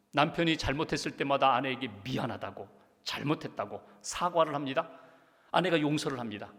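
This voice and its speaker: Man preaching a sermon, high voice that jumps all over, lots of rhetorical questions, big church reverb. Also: fairly bright tone. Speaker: pastor. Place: church sanctuary. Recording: long reverb of a church sanctuary.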